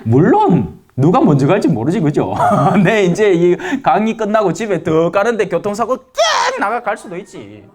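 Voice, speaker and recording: Lively joking priest. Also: male voice, sits high, moderate pace, few pauses. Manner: lively, joking, asks the audience questions. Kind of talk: lecture sermon to elderly parishioners.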